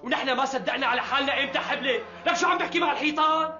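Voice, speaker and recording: A stern Damascene husband. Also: male voice, very high-pitched, rapid-fire, sharp tone, highs cut off, soft background music, heavily acted. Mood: angry. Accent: Damascene Syrian. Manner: scolding, commanding. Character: stern young Damascene husband, quick-tempered. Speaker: husband, head of household. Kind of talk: TV period drama acting.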